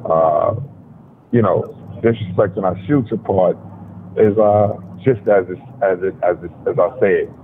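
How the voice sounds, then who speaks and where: A very deep-voiced man speaks over the phone, his voice thin and tinny on the line. He talks laid-back and sure of himself, with lots of fillers. A faint hiss sits under the call. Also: fairly even intonation, moderate pace. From Brooklyn, New York. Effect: heard over the phone. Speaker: rapper, guest calling in. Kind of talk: casual radio interview over the phone.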